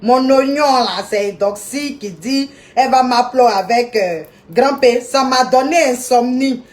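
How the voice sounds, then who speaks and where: A woman's voice: a little high, a little slow. A woman ranting indignantly on a live video stream, scolding people and greeting viewers by name.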